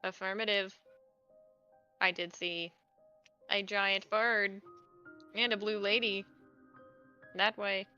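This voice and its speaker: Woman voicing a formal mechanical fortune teller, bright. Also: medium pitch, flat delivery, slow, pauses often, smooth, highs cut off, soft background music. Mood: matter-of-fact. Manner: formal fortune teller speaking in clipped stock phrases.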